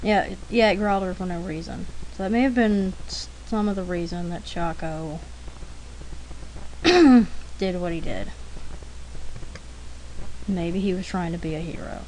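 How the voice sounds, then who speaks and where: A woman narrates her own drawing demo with casual, rambling, self-deprecating chatter, thinking aloud as she works. Her voice is lowish, her pace moderate, and she pauses often. The recording is rough, with steady background noise.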